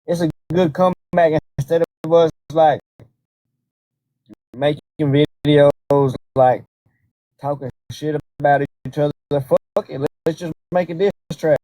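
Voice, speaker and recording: A man hosting a livestream in a relaxed, slangy voice, pitched a bit high with a mellow, dark tone. He sounds close and dry, with no room around him. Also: a little slow, no echo. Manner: laid-back, slangy, directing the chat. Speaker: livestream host. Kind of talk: casual livestream chat.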